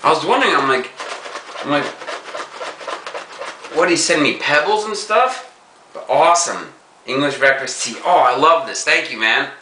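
Excitable crude man, echoey room. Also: a little high, moderate pace, pauses often, distant mic, slight background noise. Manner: excitable, crude, swears freely. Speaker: pipe-smoking video blogger. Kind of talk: casual unboxing vlog.

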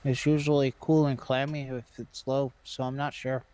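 A man's voice: mid-range voice, little pitch movement, normal speed, mellow, clear, resonant tone. A man chatting casually as a responder in an improvised rescue role-play.

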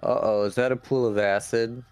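A man's voice: medium pitch, steady tone, moderate pace, darkish tone, smooth. A man co-hosting a let's play, sarcastically commenting and reading in-game text aloud. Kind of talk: casual gameplay commentary. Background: game music.

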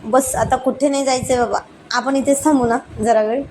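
A woman's voice: high voice, steady tone, normal speed, noisy background, lightly acted. A woman voicing a playful young man in love, coaxing and teasing his girlfriend.

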